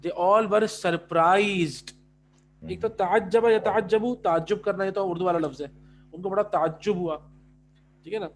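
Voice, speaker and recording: Man, high voice, Arabic teacher, mixes Urdu and English, keeps checking students follow, faint hum. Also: steady tone. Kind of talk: online class explanation.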